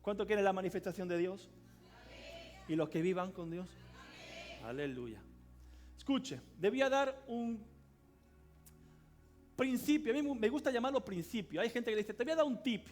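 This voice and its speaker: A man preaching a sermon as pastor of a church, emphatic, swinging between loud cries and quiet asides and calling on the congregation to answer aloud. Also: high-pitched, animated, moderate pace, long pauses. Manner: calls on the congregation to respond aloud. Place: church service hall.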